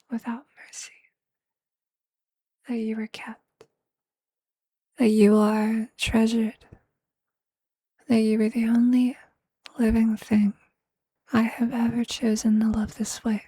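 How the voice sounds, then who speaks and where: Speaking in a mid-range voice, a performer whispers as a possessive, tender, motherly vampire, using slow, intimate, formal and poetic phrases in a soft, breathy ASMR roleplay. The recording is dry.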